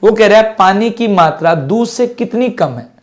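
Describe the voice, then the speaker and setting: A middle-aged man with a Hindi accent works through exam maths in a fairly high voice. His throat is a little sore. He keeps asking questions as if he were a student, then answers them himself. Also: lively intonation, normal speed. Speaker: maths teacher. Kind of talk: exam-prep maths lecture.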